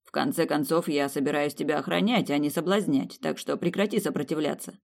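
A reader voicing a self-assured young prince who speaks calmly and teases with slow, mocking lines in an audiobook. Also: medium pitch, vocal fry, lightly acted. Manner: calm, unhurried, mocking. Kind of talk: audiobook character reading.

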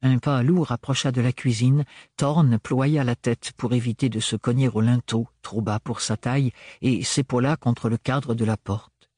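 Husky man narrating an audiobook. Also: mid-range voice, fairly even intonation, normal speed, a little mellow, dry recording, clean studio sound.

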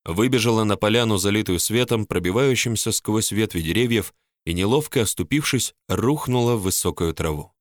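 A man reading a first-person story as an audiobook narrator, calm and steady. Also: fairly low pitch, brisk, hardly any pauses, no room sound, clean studio sound.

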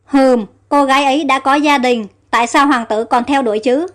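A woman's voice: high-pitched, fairly even intonation, moderate pace, a bit bright. A woman reading as a doubtful older servant. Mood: puzzled.

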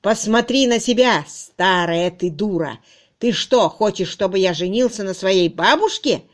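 A woman's voice: mid-range voice, animated, normal speed, close to an everyday voice. A woman reading a cruel, sneering young male farmhand in an audiobook, harsh and mocking.

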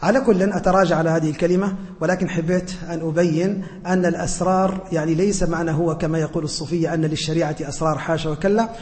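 A man teaching as a sheikh, answering students' questions in an earnest, humble way with frequent hesitant pauses. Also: fairly high pitch, fairly even intonation, darkish tone, in a large hall. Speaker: sheikh teaching a religious lesson.

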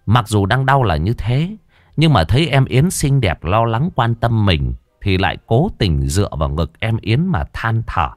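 A man's voice: lowish voice, very animated, moderate pace, dry recording, clean studio sound. A man narrating a comic folk tale in a playful, exclamatory way. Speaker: storyteller.

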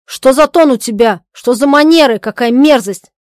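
A woman reads out a young idealist husband, torn between honor and his wife's wishes. He pleads and breaks into loud, anguished shouts. The voice sits fairly high, in a dry, close recording. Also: a little fast, dry recording, close to an everyday voice. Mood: pleading, indignant. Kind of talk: dramatic reading of a stage play.

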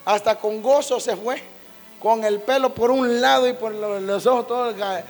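A man preaches in a high voice. He tells folksy, homey stories and slips into playful voices as he acts them out. His voice rings through a reverberant church hall with faint music underneath. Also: steady tone, normal speed. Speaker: pastor. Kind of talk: sermon.

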